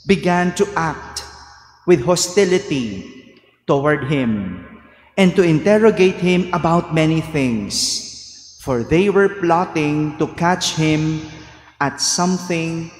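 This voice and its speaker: Filipino priest preaching slow, big cathedral echo, long reverb ringing off the walls. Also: male voice, a little high, animated, soft background music. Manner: slow and deliberate, quizzing the congregation. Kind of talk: homily during Mass. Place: large church. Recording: echoey church hall sound.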